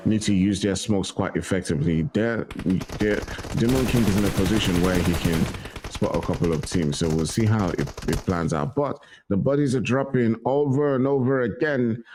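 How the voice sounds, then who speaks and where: A man's voice: lowish voice, normal speed, background noise. A man giving casual esports color commentary, often repeating phrases. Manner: relaxed, repeats himself with fillers. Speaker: esports co-caster.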